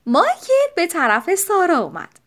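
A woman reads a children's storybook aloud, her fairly high voice rising and falling in lively swings. The telling is expressive and animated, made for young listeners. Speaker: audiobook narrator.

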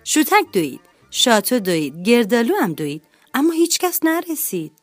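A woman reading a children's storybook aloud in a lively, expressive way. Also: fairly high pitch, faint music behind.

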